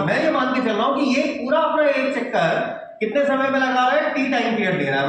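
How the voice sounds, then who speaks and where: A man's voice: very high-pitched, a bit bright, a little hiss or hum. A man teaching physics in a whiteboard lecture, explaining step by step, often repeating phrases and checking that students follow, mixing English terms into his Hindi. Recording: very echoey room.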